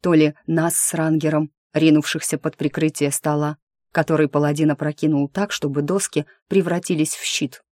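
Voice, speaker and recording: A woman reading a first-person fantasy audiobook in a lively, wry storytelling manner. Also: deep voice, moderate pace, dry recording, clean studio sound. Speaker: audiobook narrator. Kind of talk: scripted fantasy narration.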